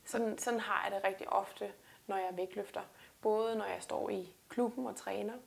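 This guest weightlifter has a creaky, medium-pitched voice with fairly even intonation. She talks in an earnest, reflective way during a relaxed interview and keeps starting her sentences over.

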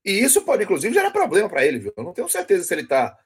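Man, football commentator, husky voice, opinionated, filler-heavy. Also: high-pitched, wildly swooping pitch, very fast. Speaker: sports commentator. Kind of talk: football talk show analysis.

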